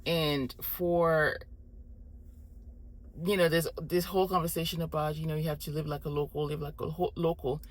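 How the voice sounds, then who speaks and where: In a deep, level voice at a moderate pace, a woman in her thirties walks the camera through why her family made its decisions. Born in Morocco with Congolese roots, she runs a family relocation vlog, and her casual explanations are thoughtful and methodical, full of restarts and listing.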